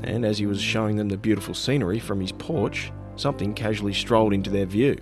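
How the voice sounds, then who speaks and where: A low-voiced man delivers scripted podcast narration in a measured, deliberate tone. Faint music plays beneath him.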